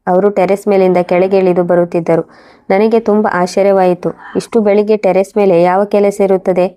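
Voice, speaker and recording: A woman narrating a first-person moral story in a steady, even reading voice. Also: medium pitch.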